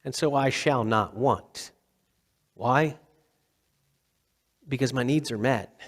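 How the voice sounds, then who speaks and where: A male pastor preaching a sermon in a conversational way, with dramatic pauses, now and then acting out the quotes. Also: medium pitch. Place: church sanctuary. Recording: long hall reverb.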